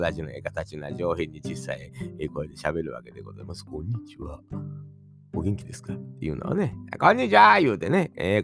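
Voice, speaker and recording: A man with a Kansai accent hosting a solo podcast, musing in a folksy way that mixes formal endings with dialect and long drawn-out fillers. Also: low voice, vocal fry. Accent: Kansai Japanese. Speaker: podcast host. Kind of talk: rambling solo podcast monologue.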